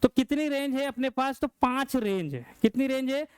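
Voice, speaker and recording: A man's voice: very high-pitched, normal speed, a little mellow, clean tone, no echo. A male science teacher lecturing a class, asking questions and answering them himself.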